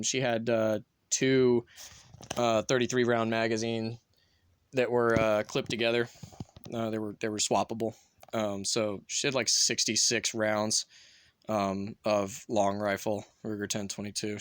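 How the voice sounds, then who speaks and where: A man's voice: mid-range voice, fairly bright tone, smooth, dry recording. A man vlogging casually at home, rambling in an offhand way and swearing freely. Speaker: gun vlogger. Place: indoors at home, near a bed.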